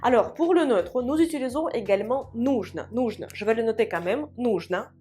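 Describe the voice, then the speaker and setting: A woman teaches an online language lesson in a slightly high voice. She walks through grammar step by step and says each example sentence slowly and with care, then says it again. A little soft music plays behind her. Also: expressive. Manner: slow, deliberate repetition of example sentences.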